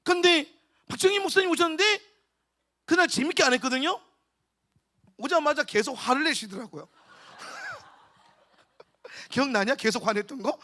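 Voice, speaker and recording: A male pastor, preaching a lively storytelling sermon to a youth camp and acting out the people he quotes. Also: extremely high pitch, moderate pace, long pauses. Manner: storytelling, acts out quotes with shouts and laughs. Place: church hall at a camp.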